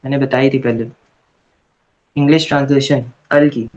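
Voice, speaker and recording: A man's voice: medium pitch, steady tone, normal speed, a little mellow, highs cut off. A man teaching an Arabic grammar class, explaining patiently and often checking in with his students. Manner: patient, repeats "okay" to check understanding. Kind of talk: online class lecture.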